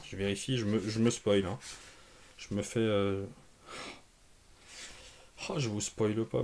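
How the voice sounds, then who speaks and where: A fairly low-pitched man talks casually as a channel host while unboxing comics. He is excitable, thinks out loud with frequent fillers, and sometimes drops to a hushed whisper when something impresses him. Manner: enthusiastic, thinks aloud with many fillers.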